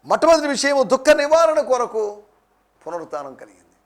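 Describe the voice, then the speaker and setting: A man's voice: extremely high pitch, big pitch swings, brisk. A male pastor preaching a sermon with emphatic repetition, slipping into English phrases now and then. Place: church TV program.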